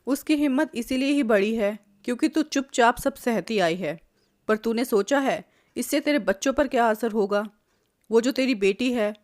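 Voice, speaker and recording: A woman's voice: on the high side, close to an everyday voice. A woman voicing a stern, protective older mother-in-law who lectures and scolds.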